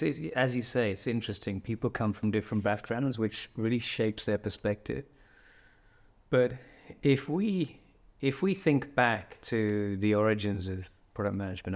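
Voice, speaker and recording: Man, low voice, podcast guest, relaxed, joking, thinks aloud, in-room conversation. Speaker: podcast guest, product executive. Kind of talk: casual conversational interview. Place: indoor room, in person with host.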